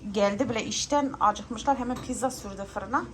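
A woman hosting a casual home vlog, chatting in her kitchen while she cooks, laughing often and telling stories loudly. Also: on the high side, brisk, crowd noise. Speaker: vlog host.

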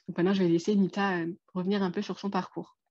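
A woman's voice: lowish voice, level tone, fast talker, darkish tone, no room sound. A young woman giving a semi-prepared presentation as a co-founder, recorded over a dull video call.

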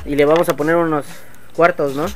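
Faint music sits behind this man's fairly quick, slightly high voice, which shows little pitch movement. He's a Mexican-accented motovlogger in his thirties, chatty and slangy, addressing his viewers directly from an outdoor workshop yard.

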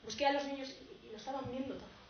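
A young woman acting as a poor, grieving male peasant farmer in a tragicomic stage monologue, telling the story in a broken, halting way. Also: high voice, steady tone, recorded from a distance, crowd noise, lightly acted. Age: young adult. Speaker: drama student. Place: theatre stage. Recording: dull, roomy stage recording, noisy.

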